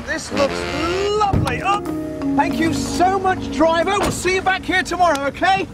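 A man playing a fussy, excitable leader of a children's camping trip, exclaiming and mock-stern like a kids show host. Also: extremely high pitch, moderate pace, loud music behind the voice. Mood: bustling, eager. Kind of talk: scripted children's comedy acting.

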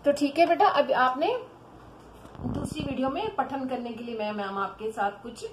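A woman teacher giving a children's Hindi phonics lesson, drawing syllables out slowly and calling the children "beta". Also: high-pitched. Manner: slow, drawn-out syllables for children. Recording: echoey room with faint background noise.

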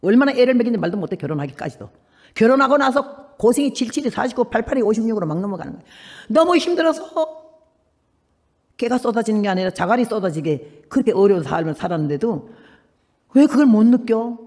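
An older woman missionary tells her testimony to a church in quick, animated bursts and acts out the voices of others. Her words ring out with a long reverb in a large hall. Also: on the high side. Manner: animated storytelling, acting out voices. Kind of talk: preaching a personal testimony.

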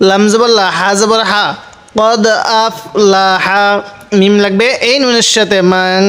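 A man teaching Quran reading, spelling out letters and vowel marks and then chanting the words slowly, asking questions and answering them himself. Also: high-pitched, fairly bright tone. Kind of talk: step-by-step recitation lesson.

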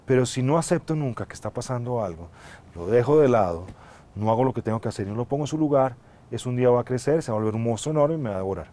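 A middle-aged man with an average-pitched voice speaks as a guest in a TV studio interview. He answers at length in a thoughtful, measured and earnest way, picked up by a lapel mic. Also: lively intonation, mellow. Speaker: actor guest. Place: TV studio set, seated in armchair.

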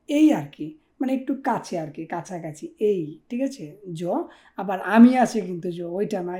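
A woman's voice: mid-range voice, warm tone. A woman teaching a Korean language class, repeating each word and checking in often with her learners. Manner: checks in often with rhetorical questions; drills words by repeating them. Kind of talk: classroom explanation.

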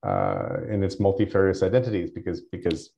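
A man's voice: low voice, sing-song, fairly quick, creaky, mellow. A man hosting a meeting over a conference call, rambling with frequent restarts. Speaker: meeting host. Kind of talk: casual meeting chat.

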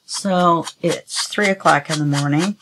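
A woman with a low voice and a measured pace hosts a craft tutorial at her craft table at home, chatting casually to herself as she works. She sounds a little sniffly, and the home recording is noisy.

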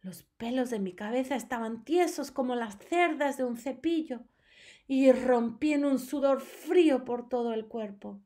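A woman teacher narrating a storybook aloud to students in an expressive, dramatic way. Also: sits high, unhurried.

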